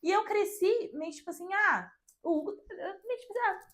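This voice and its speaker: A young woman guest telling personal stories in a lively, chatty way with lots of filler phrases. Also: very high-pitched, normal speed. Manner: lively storyteller, fills with "meio tipo assim". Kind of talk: casual chat.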